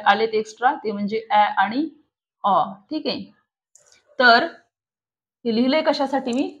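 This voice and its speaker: Female shorthand teacher, higher pitch, lecture style with question-and-answer drills, dull lo-fi recording. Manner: asks the class questions and answers them herself. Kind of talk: classroom lecture. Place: classroom with online students.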